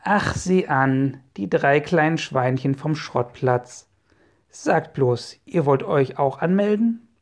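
A man's voice: mid-range voice, level tone, a little fast, darkish tone, close to an everyday voice. A man voicing a mocking, taunting teenage bully boy in a children's audio story.

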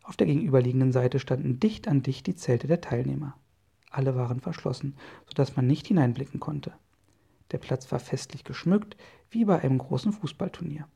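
A man narrating a children's adventure story in a steady storytelling manner. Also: mid-range voice, fairly quick, vocal fry, breathy edge. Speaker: audiobook narrator.

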